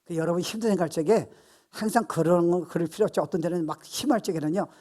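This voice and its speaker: A man in his sixties preaching a sermon as pastor, animated and playful, acting out voices and laughing at his own jokes. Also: high-pitched, fast.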